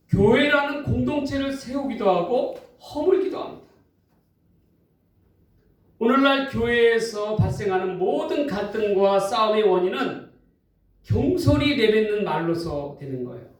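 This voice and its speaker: Animated preacher in an echoing church. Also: male voice, high voice. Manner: animated storytelling, emphatic. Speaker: pastor. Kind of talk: sermon. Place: church sanctuary. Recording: echoey hall, distant mic.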